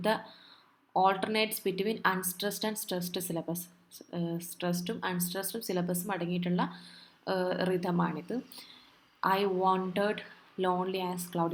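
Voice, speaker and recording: A woman tutor talks in a fairly low voice. She reads notes out slowly, then explains them in Malayalam, full of fillers and restarts. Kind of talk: exam-prep lecture.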